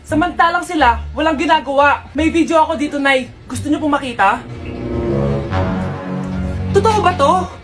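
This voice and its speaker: Very high-voiced woman performing comedy skits. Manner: playful, switching between character voices. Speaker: comedy skit creator. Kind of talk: comedy skit acting.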